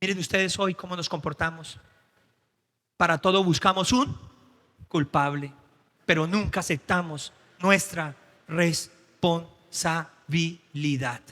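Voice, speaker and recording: Male Colombian preacher, high voice, dramatic sermon, long church reverb. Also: takes it slowly. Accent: Colombian Spanish. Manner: dramatic, acts out Bible scenes, swings from soft to shouting. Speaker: pastor.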